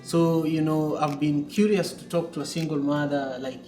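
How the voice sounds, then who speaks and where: A man from Kenya, hosting an interview in a relaxed way, with lots of "you know"s. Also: a little high, moderate pace. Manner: relaxed, filler-heavy, many "you know"s. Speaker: podcast host. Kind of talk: casual interview. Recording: echoey room with guitar music behind.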